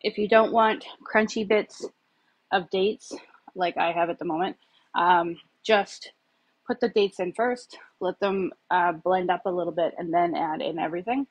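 A home cook vlogger in her thirties rambles through a casual cooking demo in her kitchen, using lots of fillers and speaking at a measured pace in a fairly low voice. A phone camera on the counter captures it, and the audio quality is poor.

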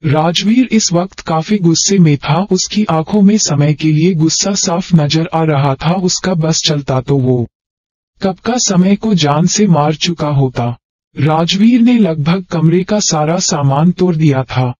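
A man narrating an audiobook love story in a steady storytelling read, close to the mic. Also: on the high side, measured pace, dry recording. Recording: dry, dull lo-fi.

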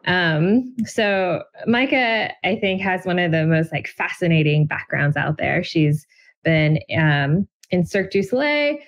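A woman's voice: on the low side, animated, unhurried. Woman host with dull webcam sound. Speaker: interview host. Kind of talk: video call interview. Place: indoor room at home. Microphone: video call webcam.

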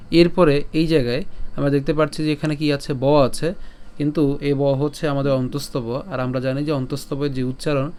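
A man teaching the pronunciation of a scripture verse, breaking it into syllables, asking and answering his own questions, and chanting the lines slowly. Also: mid-range voice, a little mellow, smooth. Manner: slow, drawn-out chanting of verse syllables between explanations. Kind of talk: step-by-step recitation lesson.

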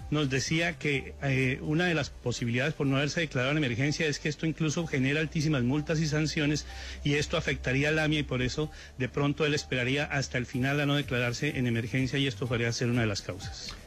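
A man's voice: a little high, steady tone, fast talker, a bit bright, faint music behind. A man giving a live radio news report as a correspondent.

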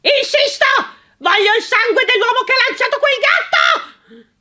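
A woman voicing an irate elderly English country gentleman who shouts and blusters in outrage, in an audiobook. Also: sits high, brisk. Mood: furious. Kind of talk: audiobook character voice.

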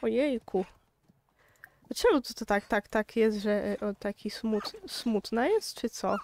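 A woman's voice: on the high side, unhurried, darkish tone, a little hiss or hum. A young woman with a Polish accent giving casual gameplay commentary, chatty and exasperated, talking straight to her viewers. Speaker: gaming YouTuber.

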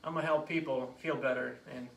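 A chiropractor from Iraq, in his late 20s, is introduced and tells a personal story during a relaxed interview, speaking at a medium pitch in a steady tone with some vocal fry. He stumbles along, repeating words and phrases. The clip, captured by a phone camera a few feet away in a small indoor office, sounds echoey and distant, with faint noise.

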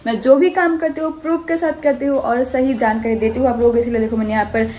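A woman's voice: fairly high pitch, steady tone, fast, warm tone, a little hiss or hum. A woman in her twenties chatting casually to her viewers in a home vlog. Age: 20s. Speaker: vlogger. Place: bedroom at home. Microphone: phone or camera within arm's reach.

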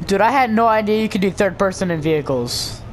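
A man's voice: sits high, expressive, fast, background noise. A man bantering crudely while playing a game, heard in an online group voice chat over a headset mic. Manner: laid-back, crude banter. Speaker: gamer in party chat. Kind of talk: casual chat.

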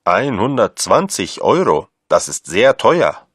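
Polite caller in a course dialogue, low lively voice, husky, dry studio sound. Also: male voice, no room sound, heavily acted. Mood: polite bargaining. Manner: clear, slow learner-friendly speech. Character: polite man phoning to buy a pram. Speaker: caller answering an ad. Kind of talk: scripted textbook dialogue.

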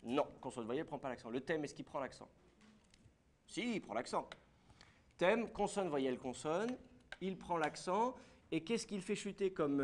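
A man's voice: a little high, a little hiss or hum. Man teaching a class. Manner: explains step by step, asks the class questions. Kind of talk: classroom lecture.

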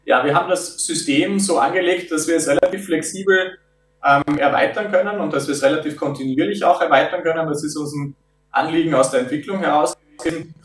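A man in his thirties speaks in a slightly raised voice over a video call from an office meeting room. He explains step by step and keeps pausing on filler sounds. The sound is roomy and comes from some distance. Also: fairly high pitch, fairly bright tone. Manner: measured, with frequent filler sounds. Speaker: product developer. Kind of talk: explaining in an interview.

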